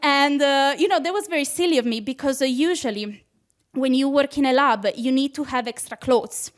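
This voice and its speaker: A young PhD student from Italy speaks in a high voice at a moderate pace during a stand-up set on a club stage. Her Italian accent comes through as she chats nervously and laughs at her own jokes.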